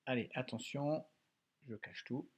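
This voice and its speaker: Patient husky teacher, man. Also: medium pitch, dull audio. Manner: slow, patient, spells out sounds syllable by syllable. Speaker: primary school teacher. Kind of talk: home-schooling dictation lesson.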